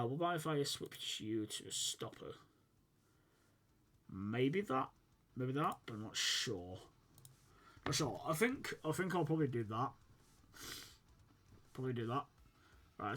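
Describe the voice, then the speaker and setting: With a mid-range, slightly bright voice, a young man from the UK who hosts a gaming channel talks casually through his football management game, thinking aloud with plenty of fillers and sounding a little sniffly from a cold that's wearing off.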